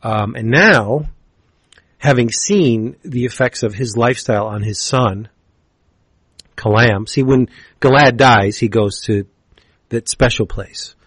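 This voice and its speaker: A man co-hosting a comics podcast, retelling a story in a casual, animated way and acting out the characters' lines. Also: mid-range voice, slow, long pauses, husky, dry recording. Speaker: podcast co-host reviewing comics.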